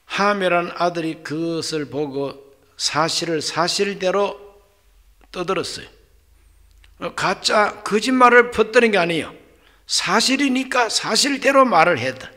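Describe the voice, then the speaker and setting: A man preaching a sermon as a pastor, emphatic, rising to loud rhetorical questions and dropping to near-whispers. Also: sits high, expressive, a little slow.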